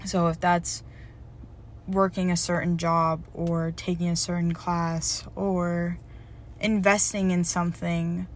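A woman's voice: lowish voice, flat delivery, takes it slowly, a little hiss or hum. A young woman vlogging in a candid diary style, reflective and emotional, rambling with many fillers and self-corrections. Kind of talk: personal diary vlog.

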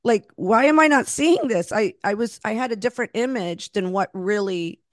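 A woman's voice: medium pitch, moderate pace, dry recording. Middle-aged florida woman hosting a podcast, chatty and encouraging, dry close mic. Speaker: podcast host. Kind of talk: casual interview chat.

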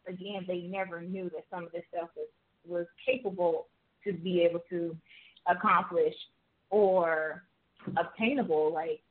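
Low-voiced woman on a tinny line. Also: steady tone, a little slow. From Jamaica. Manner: earnest, storytelling, fillers like "like" and "you know". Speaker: author and guest. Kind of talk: casual conversation. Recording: tinny phone-like audio.

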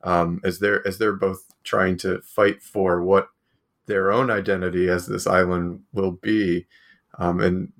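A man interviewing an author about his book, talking haltingly with many fillers and restarts. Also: sits low, level tone, fairly bright tone.

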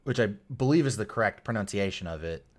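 A man's voice: fairly low pitch, animated, fast. A man co-hosting a podcast, rambling in casual chat with lots of fillers and casual swearing. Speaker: podcast co-host.

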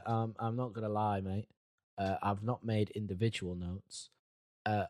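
A man's voice: fairly low pitch, a little mellow, no echo. A man co-hosting a music podcast, hesitant and rambling, with dry quips. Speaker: podcast co-host reviewing music. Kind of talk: casual chat.

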